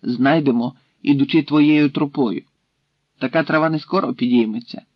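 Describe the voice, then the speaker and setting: A man's voice: on the high side, normal speed, no room sound, lightly acted. A man voicing a stern Cossack leader who questions and threatens a captive in a commanding way, in a dry, slightly dull recording.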